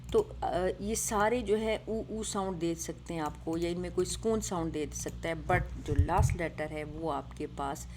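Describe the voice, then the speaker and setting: A woman with a somewhat low voice teaches grammar, explaining step by step and often checking in with her listeners. She mixes English words into her talk. A steady hiss sits clearly behind her voice. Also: hardly any pauses. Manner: explains patiently, mixing English words, asks "right?" often. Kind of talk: online grammar lesson.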